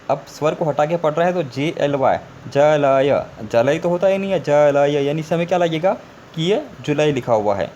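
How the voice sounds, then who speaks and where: A male teacher with a slightly high, darkish-toned voice gives a spelling lesson, spelling words letter by letter and repeating them. Faint background noise is audible.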